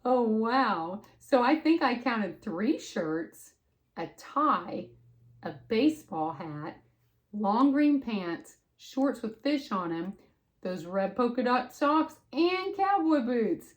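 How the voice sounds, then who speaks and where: An older woman reads aloud in the manner of a sweet, folksy grandma. Her voice sits a little high and moves in very lively swings. She keeps slipping into chatty, affectionate asides to her young listeners, full of expressive exclamations. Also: slow pace. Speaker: grandmother reading a picture book to children.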